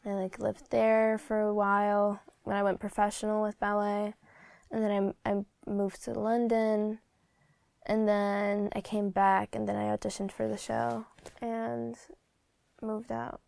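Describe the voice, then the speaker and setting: Slovak woman, 20s, interview guest; smooth voice with some fry, frank and talkative. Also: medium pitch, level tone, a little slow, a little mellow. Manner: blunt, chatty, many fillers. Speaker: guest singer. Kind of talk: casual interview chat.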